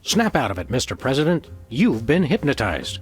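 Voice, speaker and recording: An actor playing an earnest, wry male dog detective in a comic cartoon game, with a deadpan manner. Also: mid-range voice, normal speed, faint music behind. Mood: earnest resolve.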